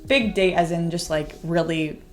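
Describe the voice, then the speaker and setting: A woman's voice: fairly low pitch, moderate pace, faint music behind. A woman in her twenties co-hosting a podcast with her husband, chatting casually and easily. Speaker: podcast co-host. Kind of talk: casual chat.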